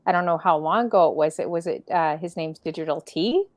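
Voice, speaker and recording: A woman hosting a talk show, chatty, shouting out viewers and asking leading questions. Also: on the low side, fairly quick, dry recording. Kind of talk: casual interview chat.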